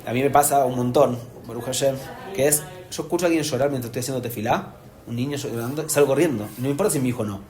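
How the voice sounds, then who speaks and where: Un hombre con acento que da una clase en vivo a padres como rabino, explicando con ánimo y preguntando a menudo si se entiende. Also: male voice, mid-range voice, quick pace. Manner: animated, explanatory, asks "¿se entiende?" often. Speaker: rabbi teaching parents. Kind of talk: live lecture to an audience. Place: community hall with an audience.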